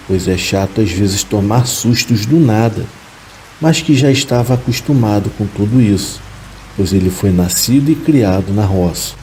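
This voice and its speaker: Man with a low, mellow narrating voice. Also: a little hiss or hum, rough recording. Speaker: horror story narrator. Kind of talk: scripted narration.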